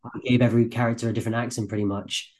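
A man being interviewed about his work as a writer and performer, talking casually and quickly in a podcast studio, with many restarts and self-deprecating asides. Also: mid-range voice, little pitch movement, a little mellow.

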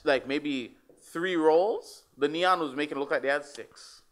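A man with a slightly high voice. He banters casually in slang, blunt and jokey in how he puts things. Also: unhurried, a bit bright. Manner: blunt, joking. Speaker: podcast panelist.

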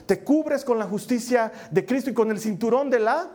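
A man's voice: very high voice, animated, normal speed, darkish tone. A middle-aged man preaching a sermon as pastor, with playful self-mocking humor that shifts into earnest exhortation. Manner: shifts between jokey asides and earnest preaching.

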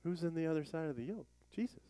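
A man pastor giving a conversational sermon, plain-spoken and animated, asking the congregation questions as he reads scripture. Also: a little high, fast talker, no room sound.

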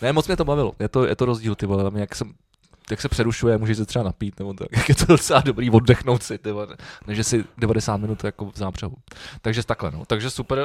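A man's voice: fairly low pitch, few pauses, no room sound, studio quality. Laid-back man, swearing and laughing. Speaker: podcast co-host. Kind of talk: casual chat.

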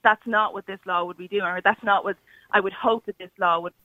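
Woman caller on a phone line to a talk show, earnest and halting, bright tone, crisp dry sound. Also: medium pitch, fairly even intonation, no room sound. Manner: earnest, halting, many restarts and fillers. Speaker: radio caller. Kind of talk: call-in debate. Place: calling in by phone, not in the studio.

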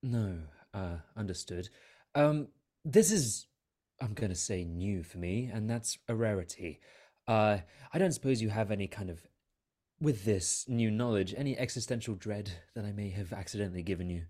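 A man playing a hesitant, articulate elf in a tabletop game, choosing formal words carefully and haltingly. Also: lowish voice, mellow, natural voice. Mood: hesitant, concerned. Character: hesitant, articulate male elf, anxious and courteous.

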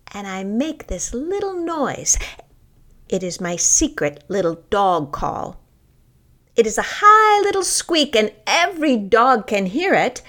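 A woman reading a scripted personal essay in a deliberate, expressive storytelling manner with pauses. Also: mid-range voice.

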